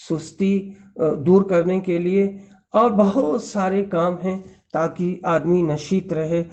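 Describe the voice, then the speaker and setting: A man's voice: sits high, darkish tone. A man giving an Islamic lecture, earnest and admonishing, working through numbered points and repeating lists. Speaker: Islamic preacher. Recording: dull lo-fi recording.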